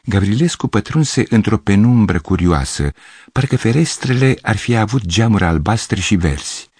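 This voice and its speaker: A man narrating a literary short story in an audiobook, in a measured, steady way. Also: fairly low pitch, slightly rough, no room sound, clean studio sound.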